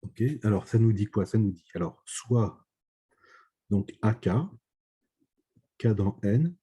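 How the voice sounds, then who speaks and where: Low, husky French math lecturer. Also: male voice, fairly even intonation, slow, dark tone. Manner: hesitant, many fillers and checks for understanding. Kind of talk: online lecture.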